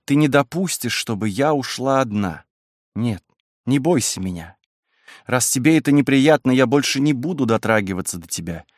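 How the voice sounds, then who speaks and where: In a dry room, a man plays a wild, passionate young woman, pushing his voice higher and pleading with impassioned feeling. The delivery is animated and unhurried, with a gently coaxing mood, and the recording is dry.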